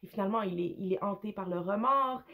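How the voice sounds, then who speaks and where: Quebec french mom, hoarse gravelly voice, rambly casual book review, drops in english words. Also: female voice, medium pitch, fast, sharp tone, slight background noise. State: hoarse, with a cough. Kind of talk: casual unscripted review to camera.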